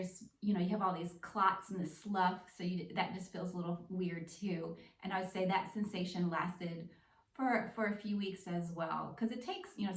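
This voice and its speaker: A woman speaks in an echoey room, a little away from the microphone. Her voice sits at an average pitch. She talks casually and practically, like a vlogger walking viewers through tips step by step. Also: darkish tone, far from the mic. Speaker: vlogger sharing personal experience. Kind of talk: casual explanatory vlog talk.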